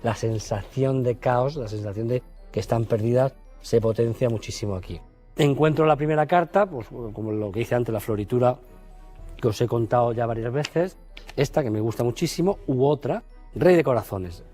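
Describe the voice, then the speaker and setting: A man walks through a card routine in relaxed, chatty speech. His voice is mellow and warm, and he jumps into higher voices when acting out his patter. Faint music plays behind him. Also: moderate pace. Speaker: magician teaching a card routine. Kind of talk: casual spoken magic lesson.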